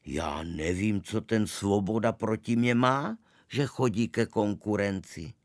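Stubborn dad, low and hushed, firm delivery, dry close sound, as a man reads him. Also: no room sound, natural voice. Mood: puzzled. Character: stubborn, calm middle-aged father.

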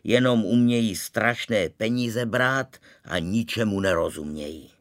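A man reading a storybook aloud, voicing a grumbling middle-aged uncle who sighs and complains slowly. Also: lowish voice, natural voice. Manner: slow, sighing, complaining.

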